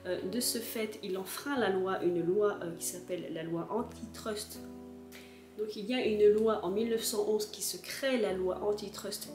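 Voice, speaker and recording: Woman vlogger, casual explainer, hesitant fillers, mid pitch, echoey room. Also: moderate pace, over music. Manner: chatty, explaining with frequent fillers.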